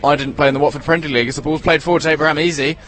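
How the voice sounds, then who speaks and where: A man's voice: a little high, fairly even intonation, very fast, a bit bright. A man commentating live on a football match from an outdoor ground. He talks in a chatty, running way and often corrects himself when he gets player names wrong.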